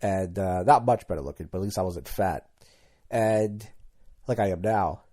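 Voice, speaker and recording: A man's voice: deep voice, normal speed, warm tone. A man in his thirties hosting a solo podcast, talking casually and candidly, rambling and tripping over his words as he goes. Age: 30s. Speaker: podcast host.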